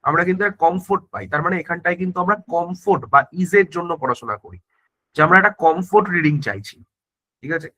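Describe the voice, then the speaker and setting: A man's voice: high-pitched, expressive, fast talker, bright, forceful tone, poor audio. A male teacher giving an exam-prep grammar lesson, explaining step by step, checking in with tag questions and often restarting his words. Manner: frequent self-corrections and restarts.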